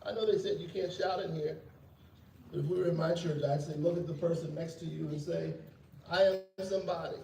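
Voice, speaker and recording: A man with a gravelly, fairly high voice leads a prayer at a rally, preaching and asking listeners to repeat his words. He is heard from a distance in an echoing hall. Noise fills the background. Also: fairly even intonation, fairly quick. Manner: preacherly, calls on listeners to repeat after him. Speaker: reverend. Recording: echoey hall, distant mic, noisy.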